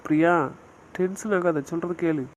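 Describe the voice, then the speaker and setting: A man's voice: high voice, steady tone, normal speed, a little mellow, slight background noise, natural voice, rough recording. A man playing a young husband who hesitantly downplays a head injury and soothes his wife in an audio drama. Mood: soothing.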